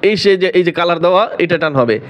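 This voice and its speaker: A man teaching recitation, unwell with a sore throat and cough, who alternates brief explanations with slow, drawn-out chanted verses. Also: high voice, expressive. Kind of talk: tajweed lesson with slow recitation. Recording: dull lo-fi recording.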